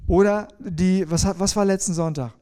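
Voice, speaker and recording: A middle-aged pastor delivers a lively sermon in a mellow, warm voice that sits a little high for a man. He keeps turning to his listeners with questions and demonstrates with props as he explains. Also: normal speed. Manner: lively preaching, asks the congregation questions, shows a folding rule.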